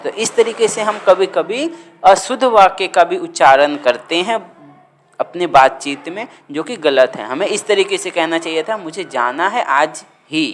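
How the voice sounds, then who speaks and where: A man teaching a grammar lesson, dictating words slowly and repeating them for students to write down. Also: high voice, a bit bright, a little hiss or hum.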